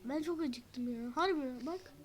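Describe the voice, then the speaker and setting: A woman's voice: high-pitched, unhurried. A woman telling a Minecraft role-play story as a prisoner, talking casually with cursing and complaints. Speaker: storyteller and player.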